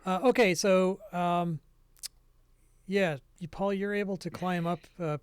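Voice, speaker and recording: A man narrating a tabletop game as game master, describing scenes in a relaxed, thinking-aloud way. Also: sits high, unhurried, clean tone, no echo.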